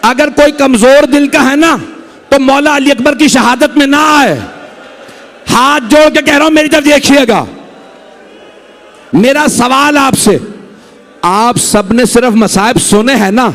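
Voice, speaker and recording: A man's voice: very high-pitched, pauses often, fairly bright tone. A man with a Pakistani Urdu accent preaching a mourning sermon in a mosque hall, reciting the tale with dramatic lamenting delivery and voicing its figures.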